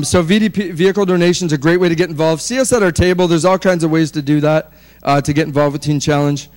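Chatty man presenting ministry slides. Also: on the high side. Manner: joking, filler-heavy, chatty. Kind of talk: casual presentation to a congregation.

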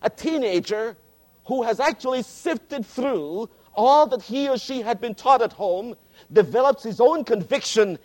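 A man's voice: high voice, darkish tone. A man in his fifties preaching a sermon, earnest and emphatic, repeating key phrases for stress. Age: 50s.

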